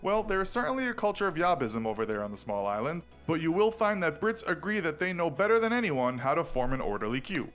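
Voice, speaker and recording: A man narrates a scripted explainer video with playful, swooping emphasis. His voice sits a little high and moves a lot in pitch. Soft music runs quietly underneath. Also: very animated, quick pace, few pauses.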